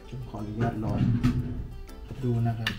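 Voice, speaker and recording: A man's voice: a little slow, music in the background. A man talking casually as he unboxes and reviews a tablet case, thinking aloud with lots of fillers. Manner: relaxed, chatty, thinking aloud with many fillers.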